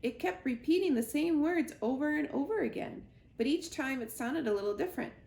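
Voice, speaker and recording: A woman's voice: high-pitched, expressive, brisk, vocal fry, darkish tone, reverberant, voice pushed up. A woman voicing a bossy, jumpy male owl who screeches his announcements to a crowd of animals. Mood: telling.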